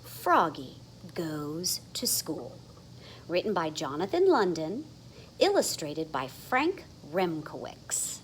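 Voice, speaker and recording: Taking her time, a deep-voiced woman reads a story for children, her pitch swooping wildly and the sound words delivered with dramatic flair. The recording is rough, with a little hiss or hum.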